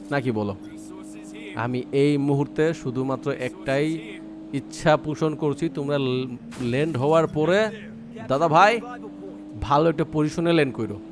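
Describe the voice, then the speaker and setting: A young man giving casual, playful commentary while playing a mobile shooter, teasing his opponents and coaching his teammates. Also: on the high side. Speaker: mobile game streamer.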